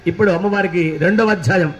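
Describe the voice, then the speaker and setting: High-voiced priest in an echoey temple. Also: male voice. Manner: slow sung chanting between quick spoken explanations. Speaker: temple priest leading a fire ritual. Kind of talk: chanting mantras and explaining the ritual. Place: temple hall during a ritual. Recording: very echoey, voice from far off.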